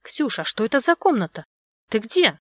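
Worried storybook mom, woman reader voicing her: raised, bright, fussing, dry recording. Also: fairly high pitch, very animated, brisk, no echo, pitched above the performer's own voice. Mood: fussing, caring. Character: caring, worried middle-aged mother.

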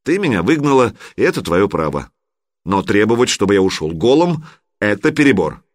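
A man's voice: on the low side, big pitch swings, brisk, dry recording. A man doing a cocky, playful young guy. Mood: teasing. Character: cocky young male gamer, playful and easygoing.

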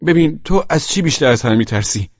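A man's voice: fairly high pitch, expressive, no room sound, muffled recording, pitched above the performer's own voice. A man voicing a blunt, awkward male friend talking on the phone.

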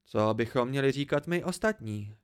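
A man's voice: medium pitch, expressive, smooth, close to an everyday voice. A man reading a blunt woman mercenary. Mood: questioning. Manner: doubtful, questioning. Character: blunt practical female mercenary.

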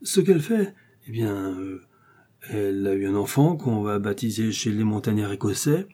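A man's voice: lowish voice, animated, normal speed, warm tone. A man voicing a flustered young son-in-law who stammers through evasive excuses.

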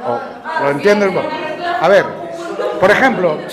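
A man with a Canarian Spanish accent and a fairly high voice talks slowly and patiently, putting questions to his audience. Behind him a lively crowd murmurs through the large room. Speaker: teacher giving a talk to students. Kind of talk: classroom talk on word origins. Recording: lively audience noise around the speaker. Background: crowd of listeners.

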